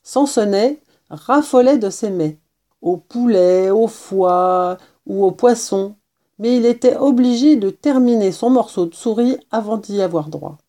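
A woman narrating a children's novel as an audiobook, in a gentle, measured storytelling voice. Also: mid-range voice.

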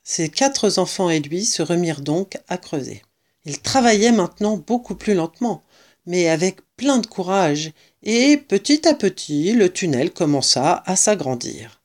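Woman narrator, storybook reading, slow pace, lively expressive pitch. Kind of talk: storybook read-aloud.

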